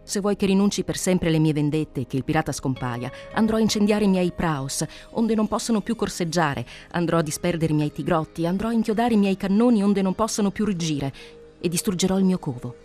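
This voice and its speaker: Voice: mid-range voice, lively intonation, brisk, a little mellow, faint music behind, lightly acted. Un lettore che fa un fiero pirata appassionato. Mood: ardent. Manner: fervent declaiming. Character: passionate proud male pirate chief. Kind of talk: dramatic reading of an adventure novel.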